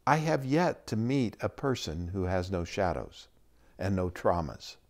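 A man giving a reflective teaching talk, measured and explanatory, with frequent pauses. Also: medium pitch, a little mellow. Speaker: spiritual teacher.

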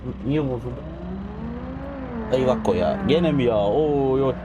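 A man giving casual, excitable commentary as he plays a driving game, scolding the computer drivers. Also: mid-range voice, normal speed, highs cut off. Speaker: gaming channel host. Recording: loud game car noise behind.

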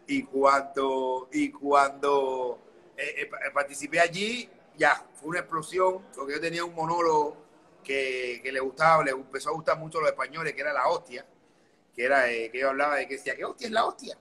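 A Cuban man with a Cuban accent, a comedian telling stories in a lively, playful way. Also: mid-range voice, normal speed, a little hiss or hum, low-quality recording. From Cuba. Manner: lively, playful, mimics other voices. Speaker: comedian guest. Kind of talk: animated comic storytelling.

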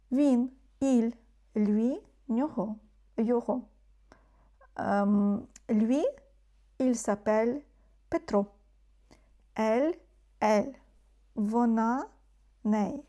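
Mellow-voiced woman teaching French. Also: on the high side. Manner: explains slowly, repeating French words, often dropping to a soft murmur. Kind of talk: language lesson.

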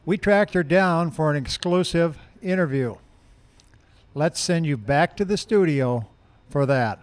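A man's voice: a little high, lively intonation, a little slow. A middle-aged man reading a mock field report into a handheld mic.

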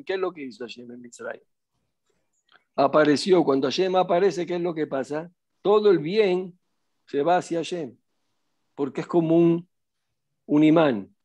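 A middle-aged rabbi teaches a religious lesson in a voice a bit higher than most men's, with a darkish tone. He preaches emphatically, driving his points home with rhetorical questions.

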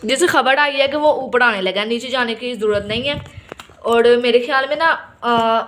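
A woman's voice: a little high, moderate pace, fairly bright tone. A woman, casually narrating a family vlog as she plays a game with her child, teasing and playful.

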